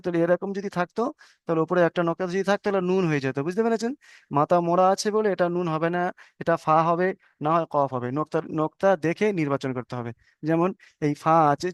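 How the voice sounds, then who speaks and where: Man, letter teacher, patient, repetitive, fairly high voice, smooth, dry close sound. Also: no echo. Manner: patient, repeats letter names slowly, asks if students understood. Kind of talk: online lesson on Arabic letters.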